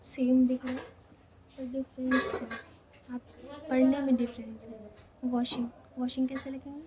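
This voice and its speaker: Slow, high-voiced woman teaching step by step. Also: flat delivery, background noise. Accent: Hindi. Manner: slow, repeats each step, checks in with "theek hai". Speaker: shorthand teacher. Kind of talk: step-by-step lesson.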